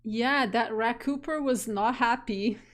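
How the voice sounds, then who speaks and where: A woman streamer reading a text game aloud on a live stream, slow and deliberate, while losing her voice. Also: on the high side.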